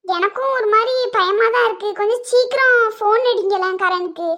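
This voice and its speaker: Woman voicing a bright-voiced fearful sister-in-law. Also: very high-pitched, brisk. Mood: pleading. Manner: pleading, urgent. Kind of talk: cartoon voice acting.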